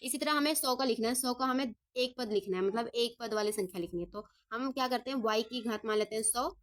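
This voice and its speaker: A woman's voice: on the high side, brisk. A woman maths teacher working through problems step by step, patiently asking questions and answering them herself. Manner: patient, asks and answers her own questions, says ठीक है often. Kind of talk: step-by-step lesson.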